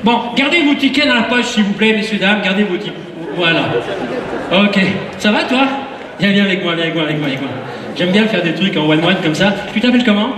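A man doing a live comedy hypnosis show, firing off teasing jokes and slow commanding patter. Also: high-pitched, lively intonation, noisy background. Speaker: stage hypnotist. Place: large concert arena on stage. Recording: echoey arena sound from far off. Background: audience murmur and laughter.

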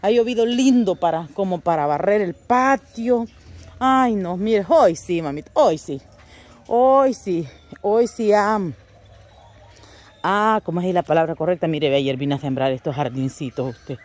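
Speaking at a measured pace in a low, expressive, darkish voice, an older woman vlogs from her rural yard and garden. She rambles warmly to her viewers, calling them fond pet names and searching aloud for the right words.

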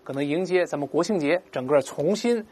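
With a low, dark, husky and expressive voice, a female teacher runs an English vocabulary lesson. She takes her time explaining, slowly models words for repetition, and often asks "right?"

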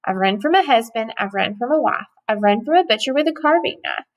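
A woman's voice: on the high side, animated, a little fast, muffled recording. A woman voicing a cheeky, boastful little gingerbread man from a storybook, in a taunting sing-song chant.

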